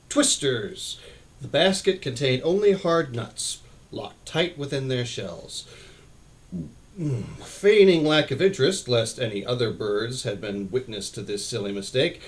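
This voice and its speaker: A man reads a novel aloud, his voice rising and falling with lively expression. He keeps an unhurried storytelling pace and corrects the odd stumbled word as he goes. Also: mid-range voice. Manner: expressive, occasional slips and restarts. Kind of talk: reading a book aloud.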